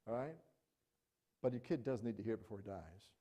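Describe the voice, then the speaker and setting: A middle-aged man preaching a sermon in a conversational, animated way, acting out little everyday examples. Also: fairly low pitch, brisk. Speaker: pastor.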